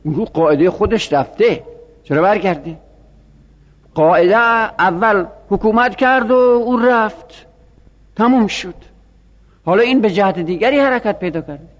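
A man's voice: high-pitched, in a large hall, lo-fi sound. A man teaching Arabic grammar in a classroom lecture, explaining rules and asking rhetorical questions. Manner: explanatory, rhetorical questions, speaks for the word itself.

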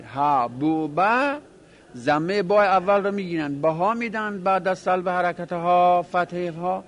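Higher-voiced man teaching a grammar class. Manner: explains step by step, repeating forms aloud; conversational, addresses the class directly.

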